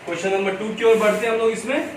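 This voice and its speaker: A man with an Indian accent teaching a school lesson, explaining slowly and repeating key points. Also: high voice, steady tone. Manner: slow, repetitive explaining, switching between Hindi and English. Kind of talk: classroom lesson. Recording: echoey room, mic far off, faint ambient noise.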